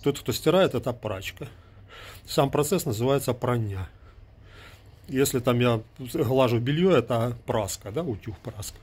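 An earbud mic captures a Ukrainian man in his forties vlogging casually in a small indoor room, phone held at arm's length. His mid-range voice is animated, a little mellow and slightly rough, at normal speed, and his arguing comes across as sarcastic and lecturing.

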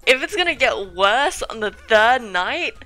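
A woman's voice: on the high side, expressive, a little slow, bright, forceful tone, soft background music, poor audio. A young woman streaming games live, swearing freely and screaming when startled. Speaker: Twitch streamer. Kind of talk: live gaming stream reactions.

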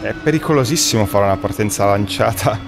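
A man with a fairly low, hoarse, worn voice commentates a sim race for his viewers. He keeps it chatty and casual. Soft music plays faintly underneath. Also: brisk. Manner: chatty, addresses viewers as guys. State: hoarse, worn voice after flu. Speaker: sim racing streamer.

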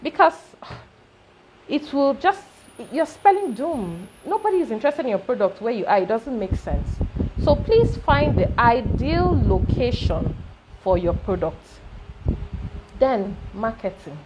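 A woman's voice: fairly high pitch, very animated, measured pace, background noise. A woman with a Nigerian accent, coaching on business growth in an emphatic talk with rising checks like "okay?". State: briefly choking.

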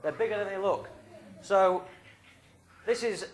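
A young man speaks to a youth group at a measured pace in a high voice, joking around into a handheld mic like a game-show host. The lively session takes place in a small church hall with a stage and a drum kit.

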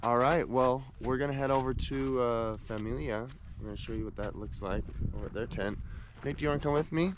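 A man's voice: mid-range voice, fairly quick, noisy background. A man hosting a casual vlog, sounding groggy as he chats his way around a campground and into a tent, filmed on a handheld camera. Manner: chatty and upbeat, with loose fillers. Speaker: vlogger. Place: campground, outdoors and inside a tent.

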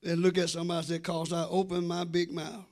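Speaking fast in a monotone, this middle-aged American pastor has a darkish voice on the high side. His sermon is emphatic, with drawn-out phrases aimed directly at the congregation gathered in the sanctuary, and he uses a handheld microphone.

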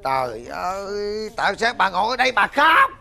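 A panicky husband. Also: male voice, high-pitched, moderate pace, creaky, exaggerated voice. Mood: panicked. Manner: excitable, exclamatory. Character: panicky loud husband, boss of drinking buddies.

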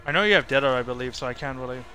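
A young male game streamer mutters short fragments to himself during live gameplay commentary over horror game music and effects. His medium-pitched voice is rapid-fire, bright and forceful, and the audio quality is poor.

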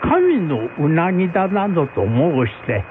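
In a folk tale drama, a man plays a respectful, knowledgeable samurai retainer who explains things in formal, old-fashioned speech with a deferential air. His voice sits fairly high, swings enormously in pitch, and moves at a measured pace. The audio is phone-like, with faint noise.

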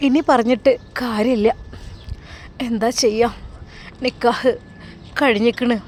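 A woman plays a grieving mother from Malappuram, high-voiced and plaintive. She laments and complains at length, with a strong Malappuram accent. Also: fairly even intonation, measured pace, a little mellow, slight background noise, natural voice. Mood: sorrowful. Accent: Malappuram Malayalam. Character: sorrowful middle-aged mother, lamenting her daughter.

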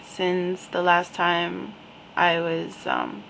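Wry slow-talking New woman. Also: fairly low pitch, gravelly, a little hiss or hum, low-quality recording. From New Jersey. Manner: wry, repetitive, deadpan asides. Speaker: vlogger. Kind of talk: casual webcam monologue.

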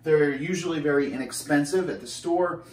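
A man's voice: fairly high pitch, normal speed, recorded from a distance. A man in his thirties giving a casual, joking cooking demonstration in a small home kitchen, filmed from a few steps away. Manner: upbeat, joking, energetic while cooking. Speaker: fitness cooking host. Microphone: camera mic, filmed from a few steps away. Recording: echoey kitchen, voice slightly off-mic.

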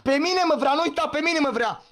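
A man with a very high-pitched voice plays a game alongside his friends. He is excitable and keeps agreeing by repeating the same words. He often breaks into yelps and shouts. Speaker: co-player. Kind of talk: live gameplay chat with friends.

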